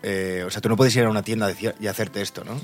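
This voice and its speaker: A man's voice: on the low side, fairly even intonation, quick pace. A man co-hosting a podcast, curious and reactive, swearing in surprise and restarting his questions. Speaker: podcast co-host. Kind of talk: casual interview chat.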